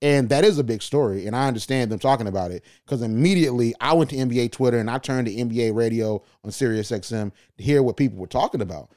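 A man hosting a podcast, giving casual, animated opinion commentary with loose slang. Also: mid-range voice, no room sound, clean studio sound. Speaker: podcast host.

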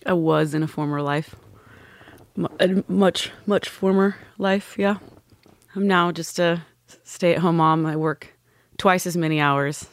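A woman's voice: lowish voice, fairly even intonation, unhurried, dry recording. A woman from California, a guest on a talk show, telling her story in a chatty, candid way. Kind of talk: casual storytelling.

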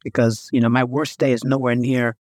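A man's voice: medium pitch, flat delivery, brisk, darkish tone, no echo. Earnest man telling a story, dry sound. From New York. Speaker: guest. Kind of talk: interview conversation.

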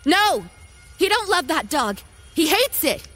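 Man doing a bold, high girl. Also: big pitch swings, takes it slowly, exaggerated voice. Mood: defiant. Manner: blunt Southern dialect. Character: bold young Southern girl, protective.

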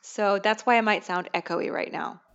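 A woman's voice: medium pitch, steady tone, moderate pace, gravelly, fairly bright tone, clear, resonant tone. A woman co-hosting a podcast, chatting reflectively and laughing often, heard from an echoey, sparsely furnished room. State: new mother. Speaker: podcast co-host. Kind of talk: casual podcast chat. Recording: dull lo-fi, echoey half-empty room.

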